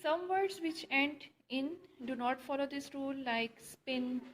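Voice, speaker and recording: Slow, high-voiced Indian woman teaching. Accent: Indian English. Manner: slow, deliberate, repeats and quizzes students; mixes Hindi and English. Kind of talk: classroom grammar lesson.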